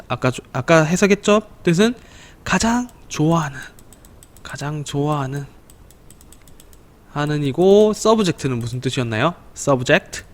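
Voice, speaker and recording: A man teaching a slow, patient online English lesson to children, repeating words and pausing with fillers. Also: a little high.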